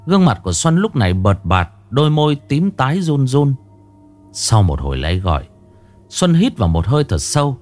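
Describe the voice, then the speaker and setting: A man narrating a horror story in a slow, dramatic storytelling manner. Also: mid-range voice, very animated, darkish tone, soft background music.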